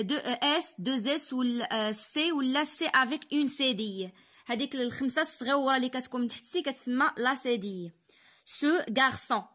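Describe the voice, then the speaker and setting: Young Moroccan woman tutor in her twenties, slightly high voice, slow read-alouds, quick asides. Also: pushed and bright. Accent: Moroccan Arabic. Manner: reads French sentences slowly, then explains them in quick Darija. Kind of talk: online French lesson explained in Darija.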